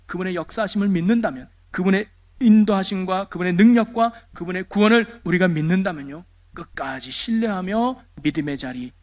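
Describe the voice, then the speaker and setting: Male pastor, middle-aged, high-pitched; animated sermon delivery full of rhetorical questions.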